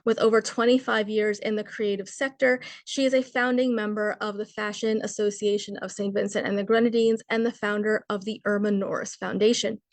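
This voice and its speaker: A woman's voice: medium pitch, level tone, brisk, hardly any pauses, dry recording. A woman hosting an online panel, formally reading out a guest's introduction. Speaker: host.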